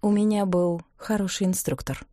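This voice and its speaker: A woman narrator voicing a calm, quietly self-assured woman on the run, in an audiobook. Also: normal speed, no echo, clean studio sound, close to an everyday voice. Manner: calm, low-key. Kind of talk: audiobook character voice.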